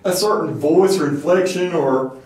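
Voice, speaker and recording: A man's voice: on the high side, normal speed, a little mellow, recorded from a distance. A man with a Southern Appalachian accent chatting as an interviewer in a folksy, rambling way. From southern Appalachian United States. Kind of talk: casual conversational interview. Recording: very echoey room, off mic.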